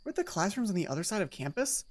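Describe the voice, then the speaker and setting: Talking very fast in a medium-pitched voice, a woman narrates a visual novel for her let's play, dropping casual asides over background music. She's animated and self-correcting, reworking lines and repeating them as if rehearsing.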